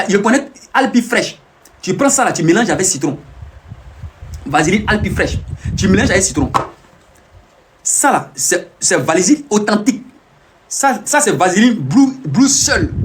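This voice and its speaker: Young male live streamer, brags and teases while repeating himself, pitched high and lively. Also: slight background noise. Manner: boastful, teasing, repeats phrases over and over. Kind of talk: casual boastful live-stream talk.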